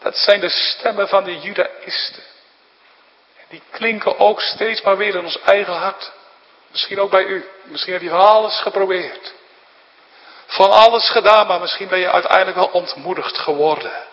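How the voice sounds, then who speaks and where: A man's voice: sits high, fairly even intonation, moderate pace. A male pastor preaching a solemn, pleading sermon that swells into fervent emphasis, recorded in a church. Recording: dull sound in a reverberant church.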